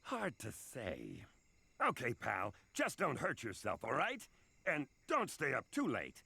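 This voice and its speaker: A man playing a gruff but kindhearted big creature detective in a game story, gravelly, awkward and hesitant. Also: mid-range voice, huge pitch swings, slow pace, pushed and bright, no room sound, heavily acted. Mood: gruff, kindly. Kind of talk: game voice acting.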